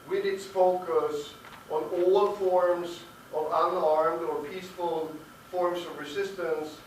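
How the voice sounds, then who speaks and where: A male academic panelist giving a hesitant roundtable talk full of fillers. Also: on the high side. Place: conference room. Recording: echoey room, distant mic, faint noise.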